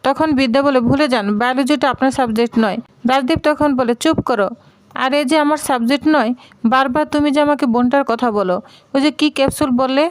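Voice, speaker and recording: High-voiced woman recapping a serial. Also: brisk, no room sound. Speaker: narrator retelling a serial episode. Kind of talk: storytelling recap with quoted dialogue.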